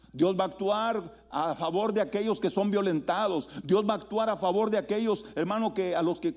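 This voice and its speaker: A pastor preaching a sermon in a church, with rising calls and slow, stretched exhortations. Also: male voice, high voice, darkish tone. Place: church sanctuary.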